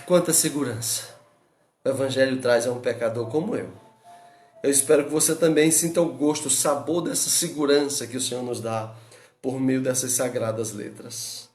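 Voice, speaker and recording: A man's voice: mid-range voice, roomy sound. A man with a Brazilian Portuguese accent, a pastor giving an earnest expository Bible study, asking rhetorical questions and repeating his exhortations.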